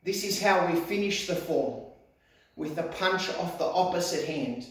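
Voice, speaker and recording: A male karate instructor teaching step by step, calling out sharp, clipped martial arts commands. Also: fairly high pitch, animated, unhurried. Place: echoey indoor room, voice some distance from the mic. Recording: very echoey hall, distant mic.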